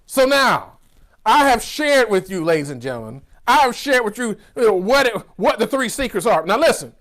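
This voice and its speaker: A man's voice: high voice, very animated, normal speed, a bit bright. A man in his fifties with a Georgia accent, giving an exuberant, preacher-like motivational keynote and tagging his lines with "right?". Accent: Southern US (Georgia). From Georgia, USA. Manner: exuberant, preacher-like, with whoops and a constant "right?" tag. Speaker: business coach, keynote speaker.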